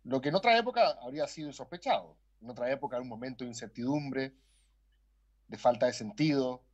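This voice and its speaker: A man, a guest philosopher on a panel, speaking in a measured way. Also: medium pitch, expressive, breathy edge, muffled recording. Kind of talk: panel discussion.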